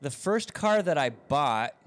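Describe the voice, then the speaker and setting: Animated storytelling male pastor. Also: a little high, measured pace. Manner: lively storyteller, acts out voices in anecdotes. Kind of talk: casual podcast chat.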